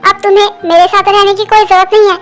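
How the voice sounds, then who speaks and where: A woman voicing a hurt young husband in a Hindi fan dub, talking slowly and flatly. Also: very high voice, faint music behind. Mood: cold resigned.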